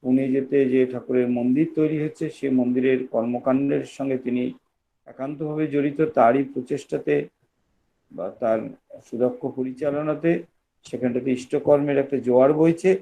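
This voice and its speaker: A man hosting an online webinar, speaking in a formal, measured and respectful way as he presents. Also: mid-range voice, steady tone, gravelly, dark tone, dull audio, slight background noise. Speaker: webinar host.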